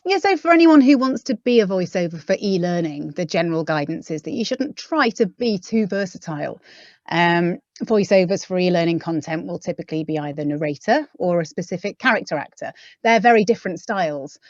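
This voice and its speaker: A woman who works as a voiceover artist, co-hosting a webinar in a relaxed, chatty way. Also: fairly low pitch, a little fast, no echo. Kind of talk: casual webinar talk. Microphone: audio-only call microphone. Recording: dull, slightly lo-fi call audio.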